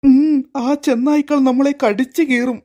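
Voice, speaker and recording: ഒരു സ്ത്രീ അവതരിപ്പിക്കുന്ന കുട്ടികളെ നോക്കുന്ന പേടിച്ച അമ്മ, കാർട്ടൂൺ, ഉയർന്ന ശബ്ദം. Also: female voice, high voice, steady tone, moderate pace, warm tone. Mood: warning. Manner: pleading, fretful. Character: worried motherly woman caring for children. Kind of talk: cartoon voice acting.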